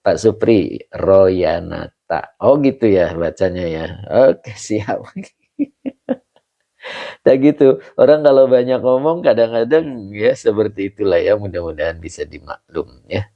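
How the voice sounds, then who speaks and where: Slow, deep-voiced ustadz teaching grammar live. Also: male voice, creaky, warm tone, husky, lo-fi sound. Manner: slow, repeats terms, drawn-out Arabic words, many "nah, begitu ya". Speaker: ustadz teaching a live online study session. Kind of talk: kitab grammar lesson, live stream.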